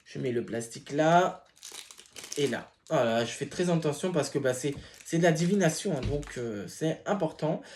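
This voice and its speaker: A man's voice: fairly high pitch, expressive, normal speed, a little mellow, slight background noise. A man hosting his tarot channel, chatting casually as he unboxes a deck, hesitant with many filler sounds and apologetic asides.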